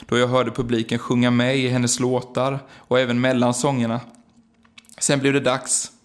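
A man reading aloud a heartfelt personal remembrance, in a quiet, earnest and reflective way. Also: mid-range voice, creaky. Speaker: singer remembering his late grandfather. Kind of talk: read-aloud personal memorial narration.

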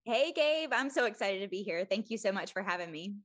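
A woman's voice: mid-range voice, animated, brisk, a bit bright. A woman in her thirties, a mother of three, speaking as a podcast guest in a friendly, thoughtful way. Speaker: guest, mom coach. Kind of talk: casual interview chat.

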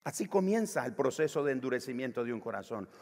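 A man preaching a sermon as pastor, animated, acting out the voices of the people in his stories. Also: mid-range voice, fast, big-room sound.

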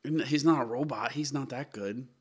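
A young man co-hosting a podcast in casual chat, giggly and quick to laugh. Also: mid-range voice, crowd noise. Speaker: podcast co-host.

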